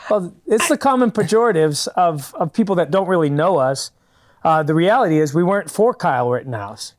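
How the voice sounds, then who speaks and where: In a public TV studio, a man who founded a fundraising company answers interview questions earnestly, explaining his views at length and often restarting his sentences. His voice is on the high side, expressive and fairly quick.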